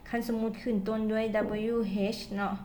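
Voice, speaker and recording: A woman with a Lao accent teaching English at home. She says English phrases slowly and carefully, then quickly translates each one. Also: on the high side, level tone, darkish tone, a little hiss or hum. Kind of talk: casual spoken lesson.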